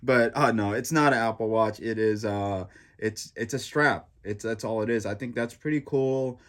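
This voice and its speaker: Speaking at a moderate pace in a fairly low voice, this male tech reviewer sounds blocked up and nasal. He rambles loosely through a gadget reaction, stumbling over fillers and starting sentences again.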